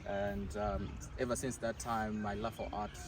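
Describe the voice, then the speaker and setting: A man from Zimbabwe, a bead artist, talking haltingly in a casual interview outdoors at a zoo. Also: fairly low pitch, little pitch movement. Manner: halting, many fillers. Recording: loud outdoor background noise.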